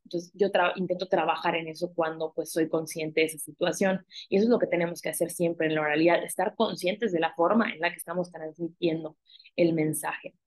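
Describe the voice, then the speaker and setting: Woman lecturer, lowish voice, talks through points with fillers and tag questions. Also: a little mellow. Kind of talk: recorded online lecture.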